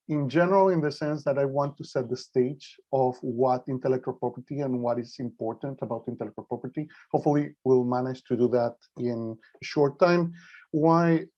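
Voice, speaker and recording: Male guest lecturer, informal and halting, voice a bit weak with a cold, muffled lo-fi video call sound. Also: medium pitch, dark tone. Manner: hesitant, halting delivery. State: slightly weak voice from a mild cold. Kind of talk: informal online presentation. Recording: dull, lo-fi video call audio.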